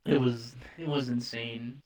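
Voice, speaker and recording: A young man casually telling a story on a podcast, animated, swearing and laughing often. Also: mid-range voice, unhurried, low-quality recording. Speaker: podcast co-host.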